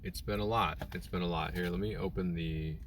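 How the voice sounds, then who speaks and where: A man's voice: sits low, steady tone, brisk, far from the mic, a little hiss or hum. Rambling young man streaming from a car. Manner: rambling, with frequent fillers and restarts. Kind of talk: casual live-stream chat. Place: in a parked car in a store parking lot. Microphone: phone.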